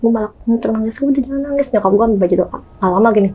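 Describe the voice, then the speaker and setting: A woman's voice: mid-range voice, racing, breathy edge, rough recording. A young woman, casually telling a true ghost story as a guest, acting out knocks and voices. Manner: lively, acts out knocks and voices.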